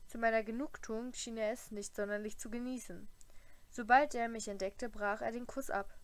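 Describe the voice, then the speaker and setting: A woman's voice: on the high side, fairly even intonation, normal speed, dry recording. Woman reading an audiobook aloud. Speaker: audiobook reader. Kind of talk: first-person audiobook narration.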